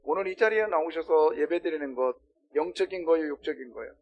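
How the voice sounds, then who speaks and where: A middle-aged male pastor preaching a sermon, swinging between loud impassioned cries and hushed low talk, often asking the congregation questions. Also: fast, muffled recording. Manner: asks the congregation questions and has them repeat.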